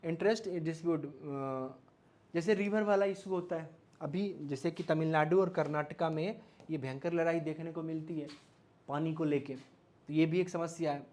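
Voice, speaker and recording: Speaking at normal speed, the man has a fairly high, darkish voice and an Indian accent. He is a teacher delivering an informal lecture that mixes Hindi with English, regularly questioning his audience and checking in with them.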